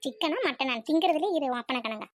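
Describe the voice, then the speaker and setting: A woman voicing a weary, sharp-tongued middle-aged mother in a cartoon. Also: high-pitched, expressive, fast, no room sound, studio quality, pitched below the performer's own voice. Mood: scolding. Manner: scolding, weary.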